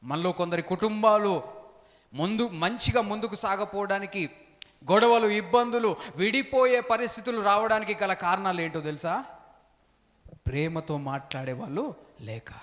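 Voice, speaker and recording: Pastor preaching, high voice, repeats himself, hallelujahs, long hall echo. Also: male voice, moderate pace, fairly bright tone. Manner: repeats phrases, calls out hallelujah. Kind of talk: sermon.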